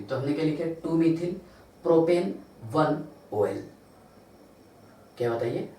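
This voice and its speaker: A man's voice: a little high, warm tone. Male chemistry teacher with an Indian Hindi accent, classroom lecture, recorded from afar in a very echoey room, asks and answers his own questions. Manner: asks rhetorical questions and answers them himself; spells out formulas slowly, counting carbons aloud. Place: large classroom. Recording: echoey room, distant mic, faint noise.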